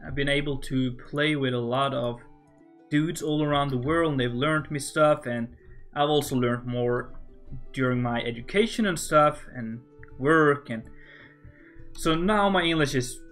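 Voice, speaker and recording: A man's voice: medium pitch, unhurried, a bit bright. A man from Norway with a Norwegian accent, casually talking to himself and joking with viewers as he builds in a game. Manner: rambling, self-talking while building, joking. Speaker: Minecraft builder streaming. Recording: faint background music.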